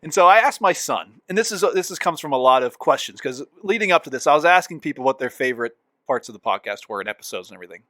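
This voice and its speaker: A man co-hosting a podcast in casual chat, animated and quick to laugh. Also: fairly high pitch, no room sound, clean studio sound. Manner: animated, laughs often, restarts sentences. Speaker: podcast co-host.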